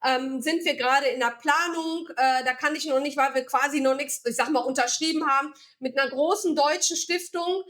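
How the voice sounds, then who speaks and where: High-voiced German woman explaining her charity. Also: fairly quick, few pauses, a bit bright. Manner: explains with many fillers and restarts. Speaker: charity founder. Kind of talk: casual interview chat.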